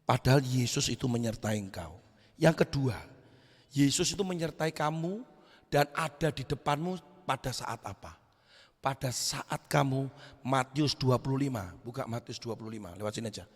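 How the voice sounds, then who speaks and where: A male pastor gives a lively youth sermon, swinging from shouts to quiet asides. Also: medium pitch, normal speed, slightly rough. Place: church hall. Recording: echoey church hall.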